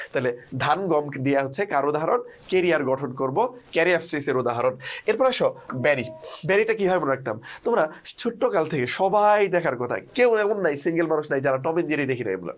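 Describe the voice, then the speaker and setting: A young man, teaching an online lesson with mnemonics, quizzing listeners and answering himself. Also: on the high side. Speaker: admission test tutor. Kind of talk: energetic online lesson with call-and-response mnemonics.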